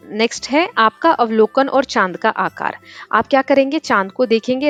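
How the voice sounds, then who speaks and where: A woman teacher patiently working through a children's worksheet step by step, with examples. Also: a little high. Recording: dull lo-fi voice-over with faint music.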